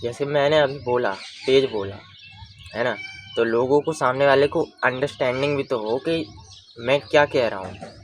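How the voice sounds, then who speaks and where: A man's voice: medium pitch, slight background noise. A young man giving a casual spoken lesson on voice and breathing, explaining patiently and checking that listeners follow. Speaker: voice coach.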